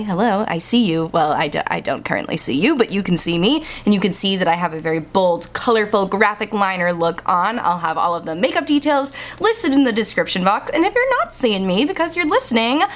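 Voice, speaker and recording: A woman's voice: mid-range voice, very animated, a little fast, hardly any pauses. A woman in her twenties hosting a casual solo podcast in a bubbly, chatty way, speaking right up close to the microphone as if into your ear. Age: 20s. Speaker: podcast host.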